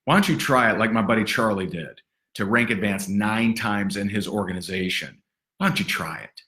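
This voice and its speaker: A man giving a livestream sales training, punchy, energetic and sarcastic. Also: lowish voice, moderate pace, roomy sound.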